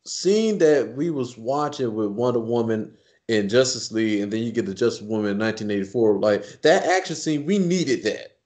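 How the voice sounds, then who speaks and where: Chill podcast guy, loose and emphatic, stumbles over words a lot, mid pitch. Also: expressive, moderate pace, a little mellow. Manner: loose and emphatic, repeats words while building a point. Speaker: podcast co-host. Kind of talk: casual chat.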